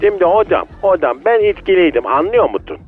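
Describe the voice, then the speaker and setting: A man's voice: high voice, very animated, brisk, narrow, tinny audio, a little hiss or hum. A man voicing a drunk, lovesick, streetwise male ram who answers a call over a landline phone. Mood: aggrieved. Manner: streetwise, self-pitying, calls everyone "hocam".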